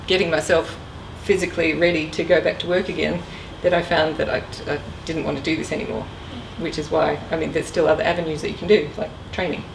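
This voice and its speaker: A middle-aged woman with a deep, level voice speaks quickly with few pauses. She's a former air traffic controller giving an informal career talk as a guest speaker and fielding questions. The recording has an echoey room, a distant mic, and clear noise.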